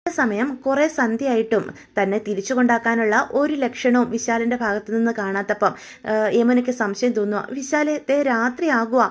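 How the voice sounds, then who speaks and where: A woman retelling a dramatic story in a casual, chatty way, often turning aside to her listeners. Her voice sits a little high. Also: fairly quick.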